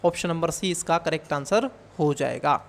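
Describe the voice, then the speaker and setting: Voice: mid-range voice, moderate pace, gravelly. A coaching teacher explaining exam questions, who calls the students child and asks and answers their own questions.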